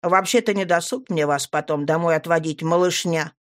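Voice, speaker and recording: Woman voicing a gruff young village strongman. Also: lowish voice, normal speed, natural voice. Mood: grumbling.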